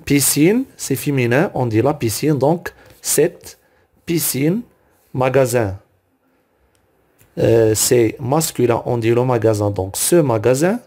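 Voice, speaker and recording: Male language teacher, mid-pitched, unhurried, patient and methodical, talks through drills item by item. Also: warm tone. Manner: patient, repeats each word aloud, corrects own slips. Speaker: French teacher. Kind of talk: slow explanatory grammar lesson.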